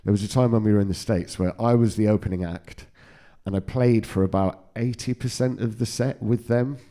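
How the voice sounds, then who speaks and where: A guitar tech in his forties, appearing as a podcast guest, trades road stories in casual chat, swearing freely and laughing often. His voice is fairly low, steady and warm, and he talks briskly.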